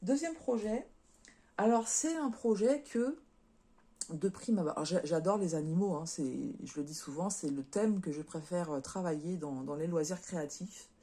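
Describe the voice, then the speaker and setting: Here a French craft vlogger unboxes and displays cross-stitch kits in a relaxed, chatty way, repeating words and using many fillers. She has a lowish, dark-toned voice and speaks at a normal speed.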